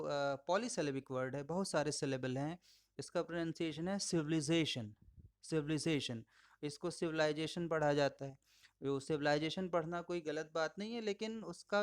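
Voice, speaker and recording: A man giving a recorded audio lecture, explaining patiently, addressing listeners as friends and slowing down to model words. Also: on the high side. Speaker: English teacher.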